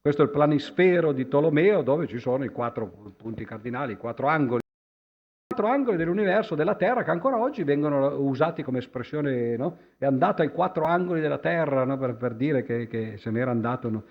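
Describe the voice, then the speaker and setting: A man's voice: medium pitch, lively intonation, fairly quick, few pauses, dull audio. A man giving a public lecture with slides, speaking conversationally, hesitating with fillers and constantly ending his phrases with a questioning "no?". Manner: hesitant, with many fillers and restarts. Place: lecture hall before an audience.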